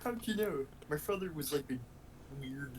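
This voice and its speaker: A man's voice: on the high side, animated, normal speed, slightly rough. A man playing a tabletop game, chatting casually and joking. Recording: loud noise, clicks.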